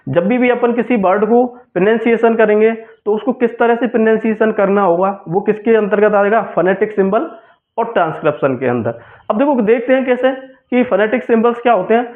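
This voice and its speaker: Man with teaching exam class, keeps repeating stuff, mixes in english words, high voice, sounds like a phone. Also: fairly quick. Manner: repetitive, asks and answers own questions; mixes English terms into Hindi. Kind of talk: exam-prep class lecture. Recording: tinny phone-like lo-fi audio.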